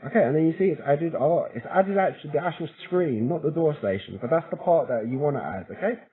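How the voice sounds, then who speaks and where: Explaining each step of a casual how-to tutorial, a man keeps things chatty and informal and often checks in with the listener. His slightly high voice moves fast with lively intonation, captured in thin, phone-like narrow-band audio.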